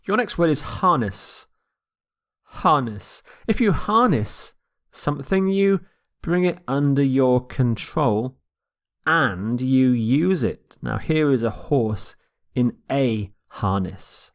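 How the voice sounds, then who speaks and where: A man teaching English vocabulary in a recorded lecture, repeating each word slowly and carefully for pronunciation. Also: medium pitch, animated. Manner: slow, deliberate, repeats words for pronunciation.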